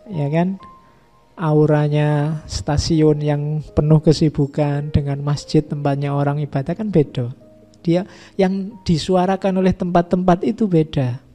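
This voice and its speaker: A man giving a relaxed, conversational philosophy lecture in a mosque, listing ideas one by one. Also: on the high side, gravelly. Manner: conversational, repeats and lists ideas. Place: mosque hall.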